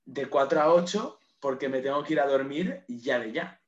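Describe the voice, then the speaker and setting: A late-teen man talks in a loose, digressive way, cursing now and then as he wanders off topic. His voice sits at an ordinary pitch and sounds roomy and a little dull on a lo-fi recording. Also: moderate pace. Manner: rambling, digressive, swears casually. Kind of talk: casual chat.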